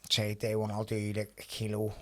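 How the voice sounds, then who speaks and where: A man's voice: lowish voice, completely flat delivery, moderate pace, fairly bright tone. Northern Irish man in casual, blokey chat. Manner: informal, sweary, blokey banter. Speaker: podcast co-talker, combat sports fighter.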